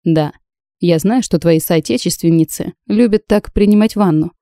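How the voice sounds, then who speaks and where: Woman voicing a soft-spoken teasing male mage. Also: lowish voice, moderate pace, no room sound, studio quality, natural voice. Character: teasing mysterious male mage, calm and playful.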